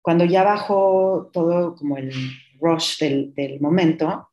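A middle-aged woman speaks as a podcast host, sharing a personal story in a reflective, confessional way. Her voice sits a little low, and she now and then drops English words into her speech. The recording carries a noticeable roomy echo. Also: takes it slowly, a little mellow, dull audio.

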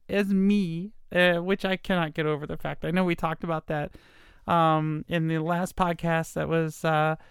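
Stuffed up from allergies, a podcast host in her fifties sounds a little nasal as she rambles through a casual solo monologue, hesitant, full of fillers, and poking fun at herself. Her lowish voice is smooth, recorded at studio quality without room sound.

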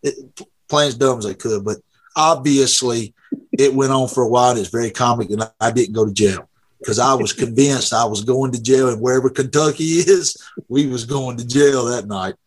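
A man's voice: medium pitch, moderate pace, slightly rough. A middle-aged man, a drag racer guest telling a folksy, rambling story with laughs. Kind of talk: casual storytelling.

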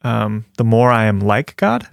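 A man's voice: lowish voice, sing-song, measured pace, creaky, no room sound, studio quality. A man co-hosting a casual faith talk, reading scripture aloud and chatting earnestly with many fillers and easy laughs. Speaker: podcast co-host sharing a devotional.

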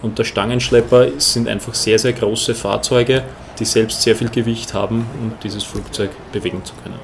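A man with an Austrian accent giving measured, explanatory interview answers as a ground handling manager. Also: on the low side, little pitch movement, slight background noise.

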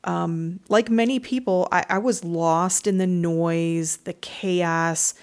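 A woman's voice: fairly low pitch, steady tone, slow pace. A woman in her forties from Michigan hosting a casual solo podcast, frank and self-deprecating, swearing freely. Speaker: podcast host and author.

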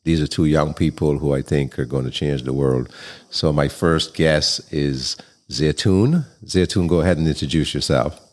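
Man, podcast host, extremely low voice, measured, earnest, scripted intro. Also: a little mellow. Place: home kitchen.

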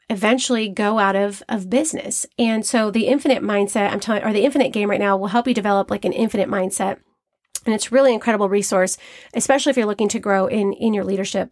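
A woman's voice: mid-range voice, no echo, clean studio sound. A woman in her thirties, hosting a motivational podcast, telling a family story in a chatty, casual way with frequent fillers and laughter. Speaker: podcast host.

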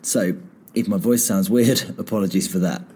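A patient guitar teacher who hosts a podcast gives a casual spoken lesson, walking through it step by step in a relaxed way, with guitar playing between his phrases. His deep, warm voice is slightly croaky after singing, and he keeps a moderate pace.

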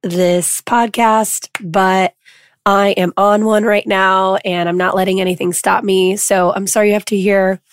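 A woman podcast host with a hoarse, worn-out voice gives an informal, halting introduction. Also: mid-range voice, flat delivery, dry recording, studio quality. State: hoarse, lost voice.

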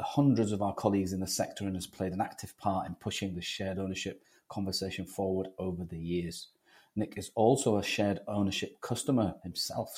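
A man with a fairly low, very mellow voice hosts a podcast interview. His delivery is chatty and informal, moving between introductions and questions. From North East England. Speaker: podcast host.

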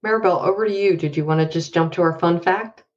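A woman co-hosting an interview who affirms the guest's points and hands the conversation over smoothly, heard through dull lo-fi call audio. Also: lowish voice, fast. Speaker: podcast co-host.

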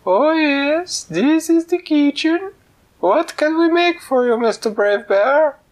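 A man doing a shrill falsetto goose cook. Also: animated, takes it slowly, full character voice. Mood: chirpy. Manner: shrill falsetto, sing-song. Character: fussy high-voiced female goose cook.

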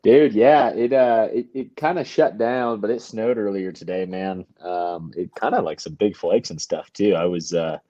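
A man's voice: lowish voice, moderate pace, hardly any pauses, dark tone. A man chatting casually as a podcast co-host, laid-back and slangy. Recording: dull, lo-fi audio.

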